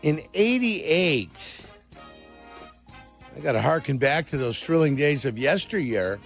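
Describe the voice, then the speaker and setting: A man's voice: on the high side, sing-song, takes it slowly, soft background music. A man co-hosting sports radio, joking and thinking aloud with old-fashioned turns of phrase. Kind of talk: casual radio banter. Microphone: studio microphone.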